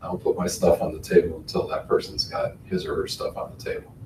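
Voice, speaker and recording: A man teaching a business class in a relaxed way, often chuckling and repeating words. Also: low-pitched, fast talker. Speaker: instructor. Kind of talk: classroom lecture. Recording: roomy, from far off, faint noise.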